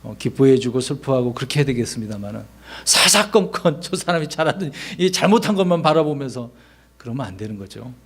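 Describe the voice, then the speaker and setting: A man's voice: mid-range voice, animated, fairly quick, breathy edge. A man, a pastor, preaching a sermon in a conversational way, asking his congregation rhetorical questions and acting out the lines he quotes.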